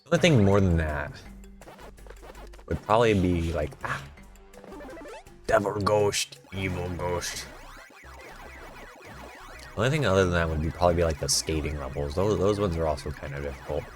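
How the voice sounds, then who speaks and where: A man's voice: sits low, animated, quick pace, faint music behind. A man streaming a game, rambling and mocking himself in casual chat at a desk mic. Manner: self-mocking, rambling, jokey.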